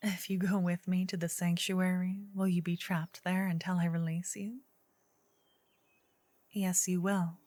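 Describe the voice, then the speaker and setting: Woman playing a slow, soft-spoken gentle druidess, female voice. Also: level tone, no echo, natural voice. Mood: dry, teasing. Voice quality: soft, breathy soft voice mixed with low murmur. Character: gentle, earnest woman druid confiding in a stealthy companion. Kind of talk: ASMR role-play. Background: soft medieval ambience and music.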